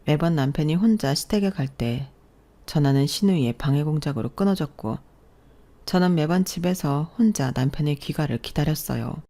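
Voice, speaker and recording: A woman's voice: low voice, lively intonation, normal speed, dark tone. Brief: woman narrating a radio story, confiding and plaintive. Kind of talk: scripted first-person story narration.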